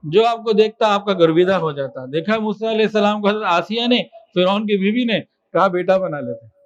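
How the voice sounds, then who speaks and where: A man preaching a sermon with passion, moving between soft explanation and loud emphasis. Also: sits high, muffled recording. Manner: impassioned, swings from soft to loud with chanted Quran recitation.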